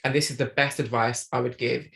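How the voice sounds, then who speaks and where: Bright-voiced woman author. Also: a bass voice, little pitch movement, brisk, creaky. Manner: reflective, chatty, with restarts. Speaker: author guest. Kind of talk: live-stream interview.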